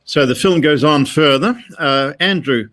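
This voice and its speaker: A man's voice: fairly high pitch, measured pace, fairly bright tone, soft background music. A man hosting a live interview, speaking hesitantly with many fillers. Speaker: host.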